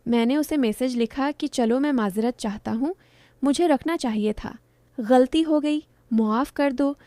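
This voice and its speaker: A woman narrating a romance novel aloud in the first person, in an even, calm storytelling voice. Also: sits high, no room sound.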